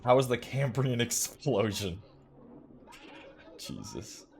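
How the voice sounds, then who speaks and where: A man's voice: on the low side, animated, a little fast. A man in his late twenties streaming a game, chatting casually and joking while he reads his chat aloud. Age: late 20s.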